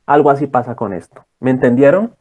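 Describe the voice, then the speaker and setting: A man's voice: mid-range voice, a little fast, darkish tone, lo-fi sound. A young man tutoring students in a casual lecture, rambling and checking in with his listeners.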